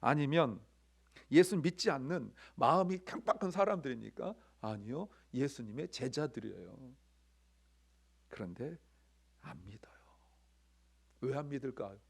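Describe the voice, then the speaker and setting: A Korean-American man preaching a sermon as pastor, swinging between loud, excited bursts and hushed near-whispers while asking his congregation questions. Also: medium pitch, measured pace, gravelly, pauses often, husky. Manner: conversational, asks the congregation questions.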